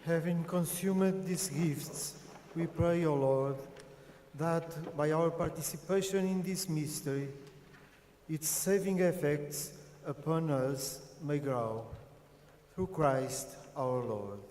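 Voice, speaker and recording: A man leading the closing prayer and blessing as a priest, with a slow, solemn intoning manner, in cathedral echo. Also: fairly high pitch, darkish tone, a little hiss or hum. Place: large church. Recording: echoey church with long reverb.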